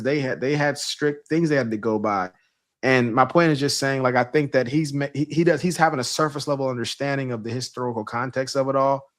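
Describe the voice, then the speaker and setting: A man co-hosting a casual commentary panel, explaining points earnestly with halting restarts. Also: mid-range voice, a bit bright.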